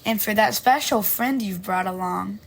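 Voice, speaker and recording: A woman's voice: medium pitch, normal speed, close to an everyday voice. A woman voicing a cheerful young male waiter who speaks in sing-song rhymes, in a hobby audio story. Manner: sing-song rhyming speech.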